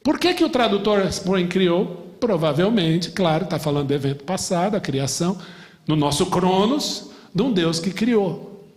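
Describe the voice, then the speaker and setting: Animated high-voiced Brazilian pastor teaching. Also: male voice, in a large hall. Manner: animated, asks the class questions and jokes. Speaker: pastor teaching Sunday school class. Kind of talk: lively Bible lesson to a class.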